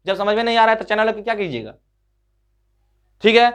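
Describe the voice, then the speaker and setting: A man gives a school exam lesson in a high-pitched voice. He drills each point with repeated rhetorical questions, answers them himself, and calls his listeners brother. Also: lively intonation, fairly quick, a bit bright, clean tone. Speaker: teacher. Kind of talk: board exam chemistry lesson.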